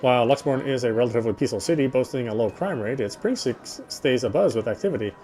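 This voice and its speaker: With an expressive, fast delivery and a darkish tone in a mid-range voice, the man reads a visual novel aloud as a game streamer. He adds side comments and at times stumbles over a line and repeats words.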